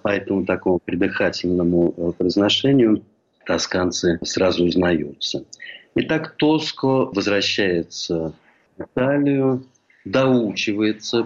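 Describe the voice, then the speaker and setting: An older man from St. Petersburg telling a measured, reflective memoir as a historian recalling a colleague. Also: low voice. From Russia, St. Petersburg. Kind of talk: memoir lecture. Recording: dull lo-fi recording.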